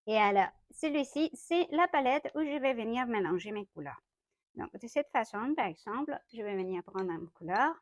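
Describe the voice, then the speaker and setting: Young Mexican woman, Spanish-accented French, casual art tutor, slightly high voice, dry close recording. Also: lively intonation, normal speed, no echo. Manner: chatty, self-correcting, light laughs. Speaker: watercolor artist. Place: home art studio.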